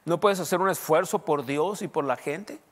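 A man's voice: on the high side, moderate pace, a bit bright. A man, a pastor preaching in a conversational way that rises to emphatic questions. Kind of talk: sermon. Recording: long hall reverb.

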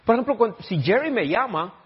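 A man's voice: high voice, very animated, fast talker, husky, highs cut off. A male pastor preaching a sermon, often turning to the congregation with questions. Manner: keeps asking the congregation rhetorical questions.

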